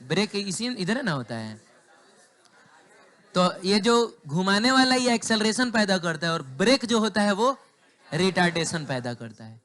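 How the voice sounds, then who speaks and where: A man with a fairly high voice lectures a physics class. His throat is sore. He keeps quizzing the students, answers his own questions and teases them as he goes. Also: big pitch swings, a little slow, fairly bright tone. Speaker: physics teacher.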